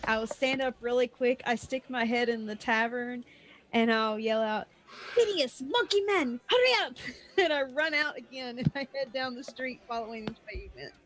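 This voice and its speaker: The voice is a woman with a fairly high pitch, playing a tabletop game. She eagerly narrates each action her character takes in casual chat. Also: fairly even intonation, moderate pace, a bit bright, low-quality recording. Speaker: player.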